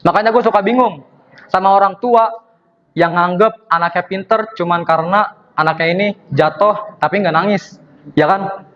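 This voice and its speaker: A young adult male student does stand-up comedy in a university performance room, acting out the people in his stories by switching voices for each character. His voice is high-pitched at a normal speed, and the recording's highs are cut off.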